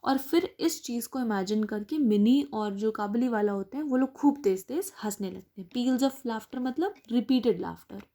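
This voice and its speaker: Patient woman teacher, mellow voice. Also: on the high side. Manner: reads English text slowly, then explains it patiently. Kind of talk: explaining an English lesson in Hindi.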